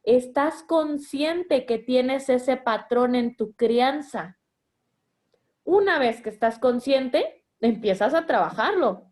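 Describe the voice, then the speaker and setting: High-voiced woman giving parenting advice. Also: lively intonation, takes it slowly, a little mellow. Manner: earnest, explanatory, with frequent restarts. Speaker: guest speaking as a mother.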